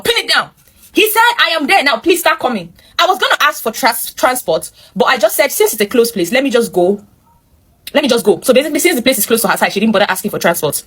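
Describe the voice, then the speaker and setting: A high-pitched, slightly bright voice with a breathy edge comes from a woman with a Nigerian accent. She hosts, reading a viewer's story in an animated way and reacting as she reads. Emphatic opinions and direct asides to listeners keep interrupting the story.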